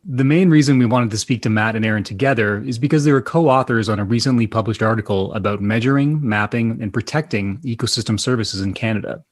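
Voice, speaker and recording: A man hosting a science podcast, introducing guests and asking measured, curious questions. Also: fairly low pitch, no echo, clean studio sound. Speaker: podcast host.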